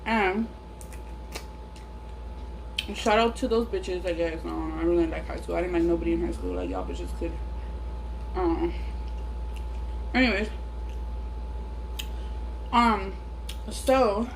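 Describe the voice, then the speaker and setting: A woman's voice: on the low side, measured pace, pauses often. A woman chats casually and bluntly, rambling and swearing through a story while eating chicken wings. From Los Angeles area, California. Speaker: mukbang vlogger. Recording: clear background noise, air conditioning hum. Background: air conditioner.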